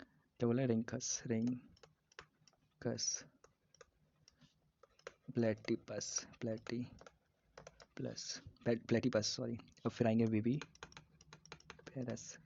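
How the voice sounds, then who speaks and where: A man's voice: medium pitch, mellow, a little hiss or hum. Playful male biology teacher. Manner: playful, repeats terms slowly, jokes with students. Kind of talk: casual exam-prep lesson. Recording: dull lo-fi recording.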